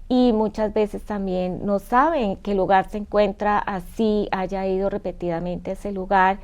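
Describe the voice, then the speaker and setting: A woman hosting a health talk and interviewing a guest, explaining plainly and checking in with short questions. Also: medium pitch. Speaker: host.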